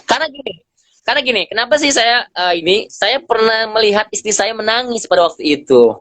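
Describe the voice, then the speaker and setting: Animated man telling stories, dry sound. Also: sits high, brisk, no echo. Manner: animated storyteller, acts out dialogue, slangy. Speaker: guest speaker. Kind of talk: casual live-stream chat. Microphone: phone on a live video stream.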